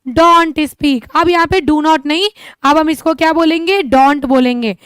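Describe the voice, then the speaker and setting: A woman's voice: sits high, takes it slowly, a bit bright, dry recording. A woman teacher giving an English-speaking class, encouraging her students and repeatedly asking and answering her own questions. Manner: addresses students as children. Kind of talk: online class lesson.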